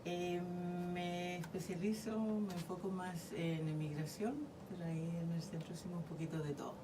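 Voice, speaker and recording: Chilean woman, low-pitched, measured legal explainer, off-mic with audible noise. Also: flat delivery, far from the mic. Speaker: community legal worker. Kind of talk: radio interview guest.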